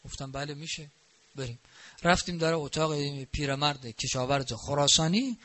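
A man's voice: a little high, fairly bright tone. A man preaching a sermon, telling stories in a conversational way and scolding with emphatic rhetorical questions. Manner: conversational, anecdotal narration. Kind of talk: sermon with storytelling.

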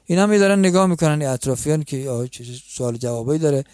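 A male preacher tells a religious story in a relaxed, conversational manner, often speaking straight to his listeners as friends. His voice is fairly high yet dark and mellow in tone. The recording sounds close and dry, with almost no room echo. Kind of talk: storytelling sermon.

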